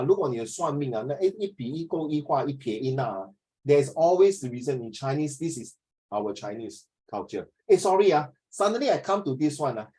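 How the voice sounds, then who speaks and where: Teaching a classroom lesson, a middle-aged Singaporean man cracks jokes, digresses and switches into Chinese now and then. He has a mellow, mid-range voice, captured in a rough recording.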